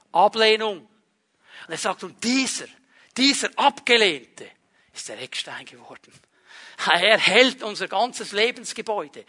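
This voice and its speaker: A man preaching a sermon, moving from emphatic declarations to hushed, intimate lows and slowing down to stress key phrases.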